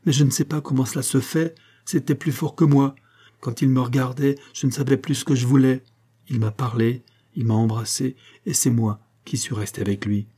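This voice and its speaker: A man's voice: mid-range voice, fairly even intonation, moderate pace, warm tone, husky, close to an everyday voice. A man reading aloud voices a young country woman confessing, vehement and pleading.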